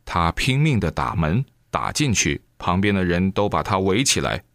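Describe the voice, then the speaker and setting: Brief: man, low voice, lively sermon storytelling, very dry close sound. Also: moderate pace, no room sound. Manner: lively folksy storytelling with exclamations. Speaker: reciter of a sermon.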